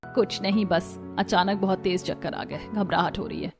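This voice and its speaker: A woman voicing a tired working mother-in-law in an animated cartoon, speaking softly and wearily. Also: medium pitch, normal speed, soft background music, natural voice. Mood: weary.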